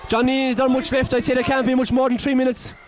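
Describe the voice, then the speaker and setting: An Irish man giving excitable, openly partisan live commentary on a local football match, shouting and nearly losing his voice. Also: very high voice, fast, a faint crowd.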